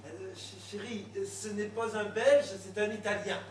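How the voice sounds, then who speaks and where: A man's voice: sits high, steady tone. A man acting a husband who stammers as he keeps correcting his wife, in an amateur stage comedy. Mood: sheepish. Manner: stammering, halting interruptions. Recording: echoey hall, distant mic, loud audience.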